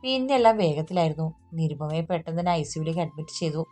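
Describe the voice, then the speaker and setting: A woman narrating a romance audiobook in a steady, measured way. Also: low-pitched. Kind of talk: scripted narration. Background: faint music.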